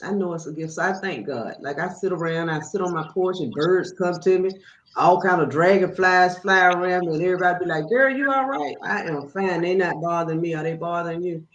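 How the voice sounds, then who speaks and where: A woman guest in casual spiritual conversation, telling stories in an animated, preachy way. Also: on the low side, fairly quick. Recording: roomy, dull, faint noise.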